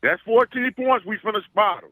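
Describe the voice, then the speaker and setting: Bright-voiced, boastful man with Arkansas accent. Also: sits high, normal speed, no room sound. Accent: Arkansas Southern US. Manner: boastful, emphatic, repeats phrases. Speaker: call-in guest, self-styled football scout. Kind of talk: animated sports fan talk.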